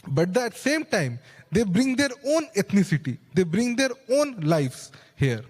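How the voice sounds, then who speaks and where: A man's voice: sits high, big pitch swings, a little slow, a little mellow. A young man speaking earnestly as a panel speaker at a conference, holding a handheld mic and explaining at length. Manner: earnest, explanatory, with restarts and asides. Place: large conference stage hall. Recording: long hall reverb.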